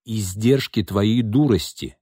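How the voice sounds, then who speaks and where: An irritable young man grumbles in a low, sharp voice, as a male narrator acts him out. The storybook reading is dry and close-miked. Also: slow, husky, no room sound. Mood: irritated.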